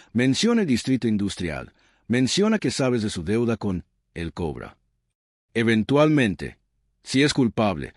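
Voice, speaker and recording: A man plays a confident male ally in a spoken story, explaining a scheme step by step in a low voice with lively rises and falls. The delivery is instructive and self-assured, and the sound is dry and close. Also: no echo.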